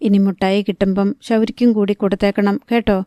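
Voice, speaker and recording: Woman reading a harried village mother for an audiobook: sharp when scolding, gentle when soothing, mellow and smooth, dry close sound. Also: mid-range voice, little pitch movement, fast talker, dry recording, lightly acted. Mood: tender. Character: stern, harried young fishing-village mother.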